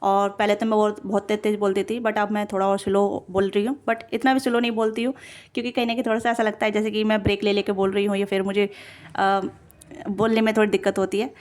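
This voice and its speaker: एक महिला tarot reader, जो कैमरे से सीधे बात करते हुए रीडिंग करती है और बहुत सारे भराव-शब्दों और खुद को सुधारते हुए लगातार बोलती जाती है।. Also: female voice, medium pitch, level tone, darkish tone. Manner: rapid run-on talk with many fillers and self-corrections. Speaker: tarot reader. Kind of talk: casual tarot reading to camera.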